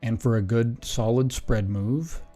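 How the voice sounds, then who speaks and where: A man's voice: medium pitch, measured pace, soft background music. Laid-back man thinking aloud on stream. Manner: thinking aloud, relaxed, frequent ums and self-corrections. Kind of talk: casual stream commentary while building a team.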